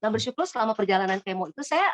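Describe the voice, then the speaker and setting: A woman's voice: medium pitch, animated, racing, no echo. A woman from Bogor, Indonesia, giving a casual spoken testimony, chatty with many fillers and hesitations.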